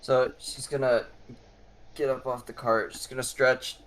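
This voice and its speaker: A man narrating as game master of a tabletop role-playing game, describing what the characters do in a relaxed way. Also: medium pitch, measured pace.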